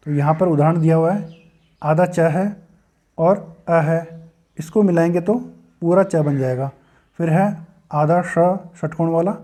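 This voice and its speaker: A male teacher going through a textbook exercise in a slow recorded lesson, patiently saying each word and spelling it out letter by letter. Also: fairly high pitch, mellow.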